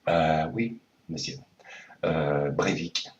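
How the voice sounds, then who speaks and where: A man making a prank phone call, hesitant and full of pauses, earnestly conspiratorial. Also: very deep voice, a little hiss or hum. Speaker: prank caller.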